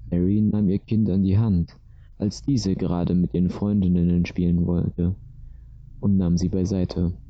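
A man reading a story aloud as narrator in a steady, even way, on a dull lo-fi recording. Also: low-pitched, measured pace, no room sound.

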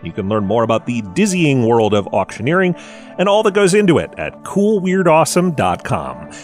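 A man's voice: normal speed, faint music behind. A man hosting a podcast, reading a scripted segment in an upbeat radio style. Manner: lively, upbeat delivery with wide pitch swings. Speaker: podcast host.

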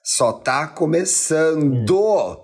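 A man's voice: on the high side, expressive, extremely slow. A Brazilian man co-hosting a gossip podcast, bantering in a campy, teasing way. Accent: Brazilian Portuguese. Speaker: podcast co-host. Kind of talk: casual gossip chat.

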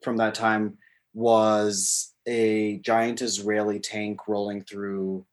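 A man's voice: fairly low pitch, flat delivery, takes it slowly. A man in his twenties, from Palestine, speaking hesitantly as an interview guest. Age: 20s. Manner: hesitant, many fillers.

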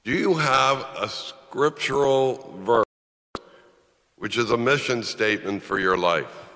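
A priest reading the gospel and giving a homily in a slow, measured way, his voice carrying a long church echo. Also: medium pitch, bright, forceful tone.

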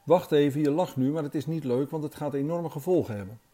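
A man's voice: fairly high pitch, fast talker, dark tone, soft background music, natural voice. A man voicing a talking male deer in a storybook, who speaks earnestly and urgently as a messenger.

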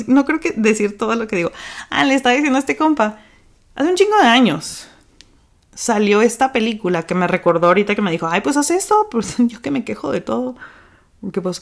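A woman with a Mexican accent hosting a casual rant podcast, talking fast and excitably and swearing freely. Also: medium pitch. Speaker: podcast host.

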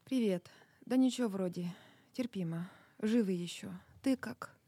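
A woman playing an anxious old mother in an audio drama, her voice soft and breathy, almost whispered, rising high when she pleads. The sound is dry and close. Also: moderate pace, no room sound, natural voice. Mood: hushed worried. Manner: soft, hushed, half-whispered. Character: older worried mother, pleading, tearful.

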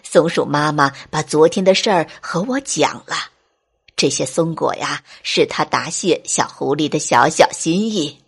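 A woman voicing an old bearded male goat schoolteacher in a bedtime storybook, speaking in a slow, lowered, weighty teacherly tone. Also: lively intonation, creaky, husky, full character voice. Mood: sheepish.

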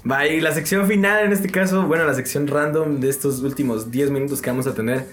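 Joking high-voiced man, roomy podcast. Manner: joking, laughs often, quick asides. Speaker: podcast host. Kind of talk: casual chat. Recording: roomy room with faint music.

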